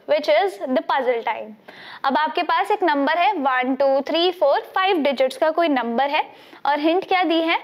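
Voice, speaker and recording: Woman math teacher, high voice, unhurried, patient, keeps checking that students follow. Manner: patient, checks understanding often. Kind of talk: classroom lesson mixing Hindi and English.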